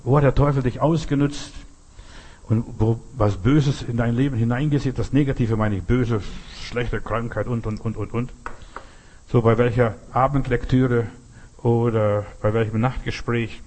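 A man's voice: medium pitch, steady tone, normal speed, a little mellow. A man preaching a sermon in an earnest, repetitive way, speaking straight to his listeners.

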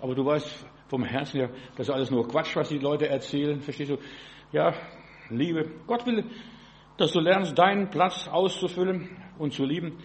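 A man giving a sermon in a folksy, halting way, often asking "verstehst du" and restarting words. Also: on the high side, steady tone. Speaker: preacher.

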